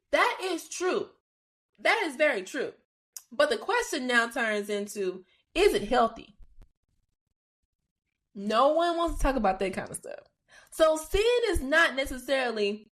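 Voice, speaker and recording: A woman's voice: fairly high pitch, fairly bright tone. A woman hosting a faith-based podcast, talking casually and expressively, laughing often and dropping slangy asides. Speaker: podcast host.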